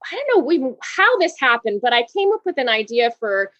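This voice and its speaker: A woman's voice: sits high, big pitch swings, fairly quick, fairly bright tone, no room sound, lo-fi sound. A woman from Hawaii being interviewed as a guest author, talking in a bubbly way and laughing often. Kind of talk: interview conversation.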